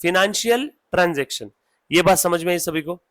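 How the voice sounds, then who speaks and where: A man from India lectures on accountancy to a class, moving between Hindi and English and frequently questioning the students. He slowly dictates notes in a high-pitched, fairly bright voice.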